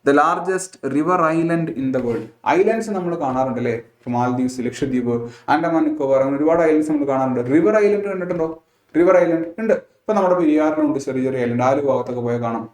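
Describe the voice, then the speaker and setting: A man with a Malayali accent gives an exam-prep lesson in a somewhat high voice. He keeps asking quiz questions and checking that his listeners follow. The sound is roomy, with a noticeable echo. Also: fast talker, darkish tone. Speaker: teacher.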